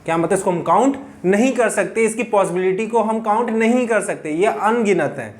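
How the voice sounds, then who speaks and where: A man's voice: sits high, moderate pace. A male physics teacher telling a classroom story, often checking in with his students and asking and answering his own questions. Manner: storytelling with frequent check-ins like "ठीक है". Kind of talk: classroom lecture explaining by story.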